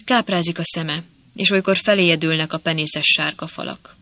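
An audiobook narrator reading a novel in a steady, measured storytelling manner. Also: mid-range voice, no echo. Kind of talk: scripted narration.

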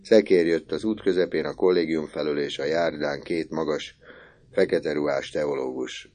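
A man reads a novel aloud in calm, measured narration. His voice is very low, with a dark, mellow tone. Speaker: audiobook narrator. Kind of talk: scripted audiobook narration.

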